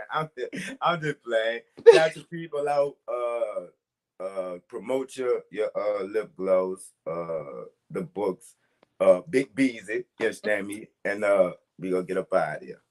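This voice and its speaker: Slow and fairly low-pitched, this New Orleans–accented man hosts a podcast full of casual, joking talk and frequent laughter.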